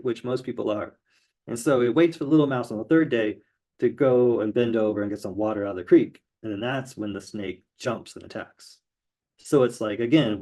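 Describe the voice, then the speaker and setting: A man's voice: medium pitch, a little mellow. Guy teaching tarot stuff, rambly and casual, lots of likes and ums. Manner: loose, rambling, many fillers. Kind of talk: casual explainer lesson.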